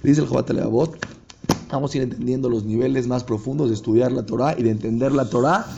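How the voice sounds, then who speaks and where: A man's voice: mid-range voice, fast talker, gravelly, lo-fi sound, background noise. A man, a rabbi giving a sermon and acting out the voices of a story. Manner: animated storyteller acting out dialogue.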